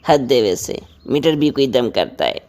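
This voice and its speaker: A man's voice: mid-range voice, very animated, darkish tone. A young man playing an impatient brother who brushes off his family to keep working in a comedy skit. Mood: mocking. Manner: impatient, exasperated. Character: impatient young man, dismissive, busy with work.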